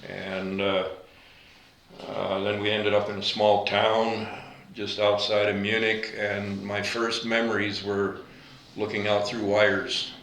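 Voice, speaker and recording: A man in his eighties, born in Latvia, recalling his life in an oral history interview, unhurried and halting with fillers and self-corrections. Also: fairly low pitch, completely flat delivery, fairly bright tone, echoey room, poor audio. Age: 80s. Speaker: veteran interviewee.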